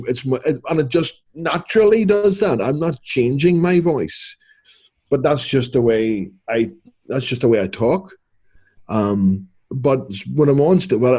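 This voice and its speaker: A middle-aged man with a Belfast accent, co-hosting a podcast in relaxed, rambling casual chat. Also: medium pitch, breathy edge. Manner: relaxed, rambling, self-correcting. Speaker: podcast co-host.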